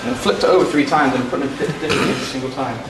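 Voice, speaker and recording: A man's voice: mid-range voice, very fast, recorded from a distance. A man speaking as an officer cadet, teasing his mates in jokey banter. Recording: loud noise and room echo.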